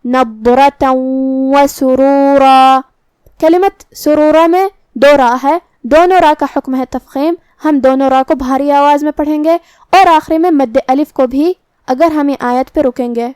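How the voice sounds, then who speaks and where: A woman teaching Quran recitation rules, explaining each pronunciation point slowly and carefully. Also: sits high, darkish tone, dry recording, clean studio sound. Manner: slow, careful explanations with demonstrated words.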